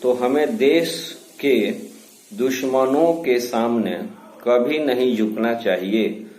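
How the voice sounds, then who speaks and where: A male school teacher giving a recorded class lesson, slowly repeating each word so pupils can copy it. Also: medium pitch, darkish tone, roomy sound, low-quality recording.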